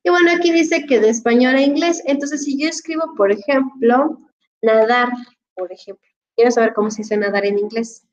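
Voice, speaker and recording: A woman's voice: a little high, moderate pace, dull audio. Woman teaching an online class. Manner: explanatory, addresses students formally, many fillers. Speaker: English teacher. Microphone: headset.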